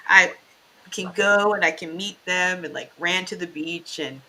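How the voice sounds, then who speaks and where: A bright, sharp-voiced woman talks in an animated, effusive way on a casual talk show. She tells her stories with lots of energy and warmth for the people around her. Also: fairly low pitch, measured pace.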